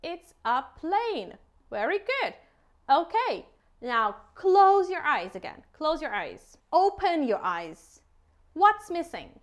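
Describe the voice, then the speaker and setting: Slow, high-pitched woman teaching a small child. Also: sing-song. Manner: talking to a small child, simple repeated phrases and questions; encouraging, praising. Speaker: English teacher for young children. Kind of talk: interactive children's vocabulary lesson.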